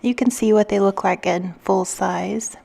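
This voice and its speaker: A woman's voice: medium pitch, steady tone, a little slow, vocal fry, dark tone, husky. A woman giving a casual craft tutorial as a vlogger, chatting through each step as she works. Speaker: craft vlogger and design team member.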